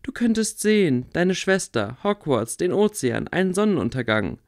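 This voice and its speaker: A man reading aloud, voicing a stubborn, quick-tempered young witch girl in a raised voice. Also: sing-song. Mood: frustrated. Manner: pleading, raised pitch.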